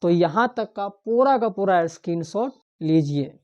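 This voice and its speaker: Woman teacher going slow thru grammar, keeps asking the class stuff and repeating terms, kinda muffled lo-fi audio. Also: lowish voice, lively intonation, a little mellow. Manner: asks the class questions and repeats key terms. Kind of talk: exam-prep online lesson.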